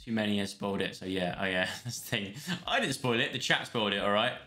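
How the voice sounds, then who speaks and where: A man's voice: on the low side, fast talker, bright, forceful tone. A young man chatting casually on a live stream, rambling between topics and thanking viewers. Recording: roomy sound with faint music.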